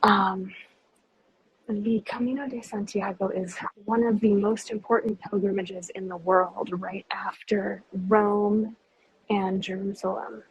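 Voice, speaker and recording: A woman working as a tour guide, chatting enthusiastically with live viewers in a breathy voice that is sometimes kept soft. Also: medium pitch, fairly even intonation, slow, low-quality recording. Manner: speaks softly at times. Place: inside a large stone cathedral. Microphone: handheld phone without stabilizer.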